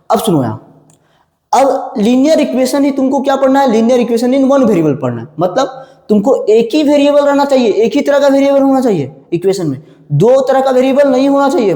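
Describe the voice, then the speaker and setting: Very high-pitched and warm, this maths teacher's voice rings through a room with long reverb. He poses questions and answers them himself throughout the lecture, addressing his viewers as children and brother.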